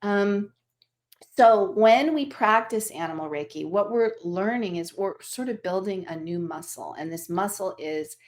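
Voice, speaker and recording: A woman teaching animal Reiki to students over a video call, talking gently and rambling with fillers and restarts. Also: mid-range voice, expressive, measured pace.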